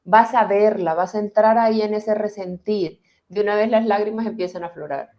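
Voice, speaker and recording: A woman therapist explaining family patterns in conversation, calm and deliberate, slowing down as she guides listeners through a healing exercise. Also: mid-range voice, muffled recording.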